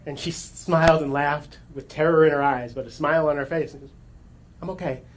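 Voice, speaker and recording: A man telling an animated, excited story to an audience at a gathering, with quick self-corrections and laughs. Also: a little high. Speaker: coach and speaker.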